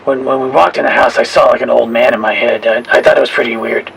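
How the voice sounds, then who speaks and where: A man chatting casually on a podcast in a hesitant, halting way with many pauses. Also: mid-range voice, fairly even intonation, gravelly, a bit bright, low-quality recording. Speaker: podcast co-host and caller. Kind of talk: casual chat. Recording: faint background noise.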